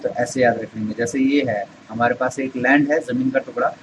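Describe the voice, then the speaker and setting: A man's voice: mid-range voice, steady tone, fairly quick, lo-fi sound, background noise. Hindi-speaking man teaching English words. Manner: explains step by step, keeps asking rhetorical questions and answering them. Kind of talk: Hindi vocabulary lesson with memory tricks.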